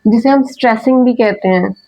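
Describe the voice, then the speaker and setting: A woman teaching verbal communication in casual mixed Hindi and English, who talks fast and leans on key words for emphasis. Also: on the high side, warm tone. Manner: naturally fast talker. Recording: dull lo-fi recording.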